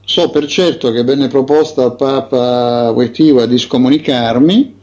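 A man's voice: medium pitch, steady tone, measured pace, darkish tone, muffled recording. A man, an investigative author, recounting his experiences with indignant emphasis and frequent hesitations.

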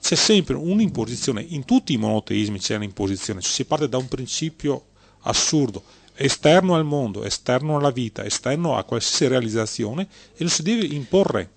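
A man's voice: mid-range voice, lively intonation, moderate pace, creaky, dry recording. A man, a studio guest on a radio show, arguing emphatically in long lists of repeated phrases. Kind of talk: discursive argument on a radio show.

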